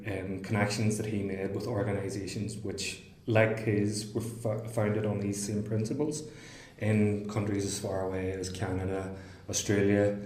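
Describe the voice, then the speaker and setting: A man with a Northern Irish accent, a historian talking through his research in a casual interview, pausing often with fillers and restarts. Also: on the low side, mellow, echoey room, a little hiss or hum, low-quality recording. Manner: thoughtful, with frequent fillers and restarts. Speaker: historian guest.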